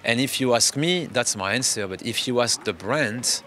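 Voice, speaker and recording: A man's voice: medium pitch, expressive, normal speed, sharp tone, a little hiss or hum. A French man speaking English as a second language in a casual interview, reflective and restarting his phrases often. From France. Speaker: interview guest.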